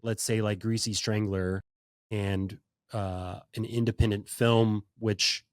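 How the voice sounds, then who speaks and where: A man's voice: on the low side, little pitch movement, takes it slowly, no echo, clean studio sound. A man hosting a podcast interview in a casual, rambling way, full of fillers and restarts. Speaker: podcast host.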